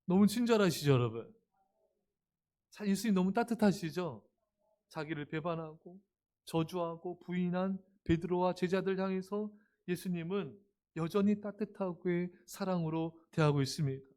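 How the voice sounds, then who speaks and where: A middle-aged man preaches a sermon, his voice pitched a bit high for a man. He drops to a soft, gentle tone and then rises to loud, emphatic lines. He acts out the voices in his quotes with animated energy. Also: moderate pace. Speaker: pastor.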